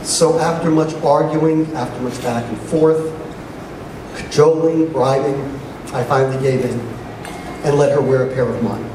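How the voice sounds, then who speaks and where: A middle-aged man giving a father of the bride speech at a wedding reception, speaking deliberately with pauses and dry humor. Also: fairly high pitch, steady tone. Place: large room at a wedding reception. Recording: echoey reception hall, distant mic, noisy crowd. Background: guests and crowd noise.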